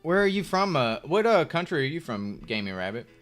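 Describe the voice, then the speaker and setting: Slightly high and sing-song, a young American man's voice moves fairly quickly and sounds a bit bright as he chats on a chess stream. He rambles easily with lots of fillers, and faint music plays behind him.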